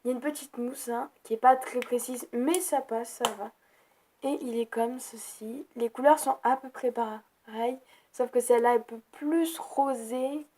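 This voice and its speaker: A woman's voice: on the high side, fairly even intonation, normal speed, dark tone, slight background noise. A woman giving a casual makeup product review as a beauty vlogger, hesitant, with many fillers and jokey asides.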